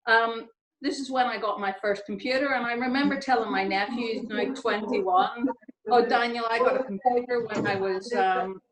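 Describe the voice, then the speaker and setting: A woman's voice: on the high side, fairly even intonation, moderate pace, reverberant, a crowd in the background, low-quality recording. Chatty Northern Irish woman in her fifties. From Northern Ireland. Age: 50s. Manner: chatty and self-deprecating. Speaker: engineer on a panel. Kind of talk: informal talk to students. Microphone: video call.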